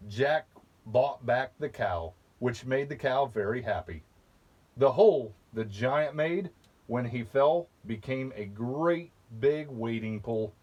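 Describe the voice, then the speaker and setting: Slow, patient man reading a children's book. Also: mid-range voice, a little mellow, lo-fi sound. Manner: slow, patient, with asides about the pictures. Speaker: storybook reader. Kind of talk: children's read-aloud.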